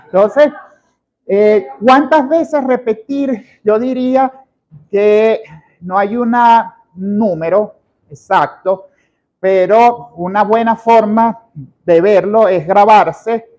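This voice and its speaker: A man teaching a public speaking class, lecturing in a lively way and changing his volume for emphasis. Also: high voice, slow pace. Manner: animated, imitates filler words, shifts volume for emphasis.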